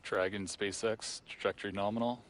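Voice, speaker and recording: Man controller, low and measured, routine radio call-outs, distant space radio loop. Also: fairly even intonation, fairly bright tone. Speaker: flight controller.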